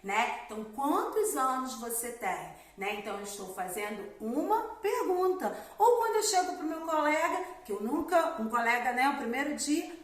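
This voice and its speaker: A woman's voice: fairly high pitch, far from the mic. A woman primary school teacher giving a recorded grammar lesson, explaining step by step and often checking in with the class. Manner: explains step by step with frequent "né?" and "galerinha". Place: room at home. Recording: very echoey room, voice set back from the mic.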